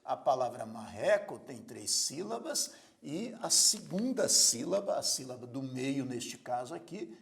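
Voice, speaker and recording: A man teaching a grammar lesson, slowly stressing the syllables of example words. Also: a little high, creaky. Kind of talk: recorded lecture.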